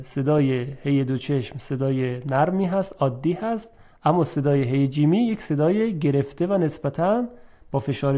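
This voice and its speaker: A man teaching Arabic pronunciation, drawing out example words slowly and clearly, then explaining them quickly in between. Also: a little high, dark tone. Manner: clear, careful articulation. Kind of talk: language lesson.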